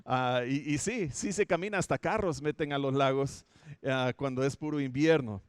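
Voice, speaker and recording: A Minnesota pastor gives a conversational sermon from a home setup for an online church service, telling the story with light humor and often correcting himself. His voice is medium-pitched and moderately paced, with a clean, echo-free, studio-quality sound.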